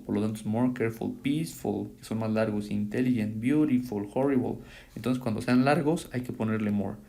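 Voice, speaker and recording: A man's voice: mid-range voice, dark tone. A man, a teacher patiently reviewing homework and explaining English grammar rules to students. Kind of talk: reviewing homework in a recorded lesson.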